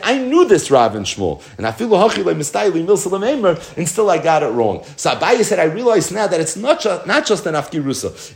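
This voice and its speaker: Man, slightly high-pitched, highly varied intonation, rabbi's Talmud lesson, translating and explaining aloud. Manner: animated, sing-song explaining with rhetorical questions. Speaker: rabbi teaching a Talmud class.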